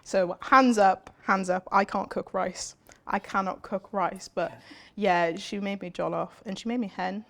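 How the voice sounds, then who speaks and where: A woman's voice: medium pitch, fairly even intonation, measured pace, creaky, a bit bright. A young woman rugby player from Wales, chatting casually and laughing at herself. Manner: giggly, self-deprecating. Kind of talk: casual group chat.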